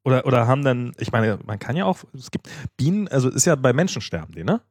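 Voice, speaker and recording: A husky male podcast co-host talks with lively, swinging intonation. He halts often with fillers and restarts, switching between loose banter and reading a fairy tale aloud. The recording is close and dry. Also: mid-range voice, quick pace, no echo. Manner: animated, hesitant with frequent fillers.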